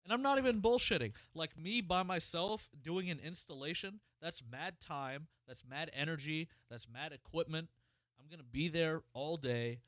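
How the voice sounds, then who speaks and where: On a dry recording, a man with a higher-leaning voice speaks at an ordinary pace. He's a podcast co-host from Ohio, United States, casually chatting and ranting with plenty of swearing and lots of animation.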